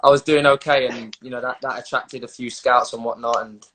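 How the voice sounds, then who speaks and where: A man's voice: medium pitch, fairly even intonation, fairly quick, fairly bright tone. A man with a London accent talking casually as an interviewed footballer, matey and slangy with hesitant phrasing, on a video call. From London, England.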